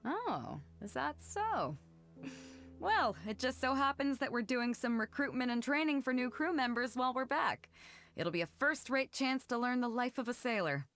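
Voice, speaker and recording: A self-assured female fleet captain, relaxed and commanding with her crew. Her voice sits a little high and swings widely in pitch, as in a video game cutscene with faint music behind it. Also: moderate pace, heavily acted. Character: bold, easygoing female ship captain.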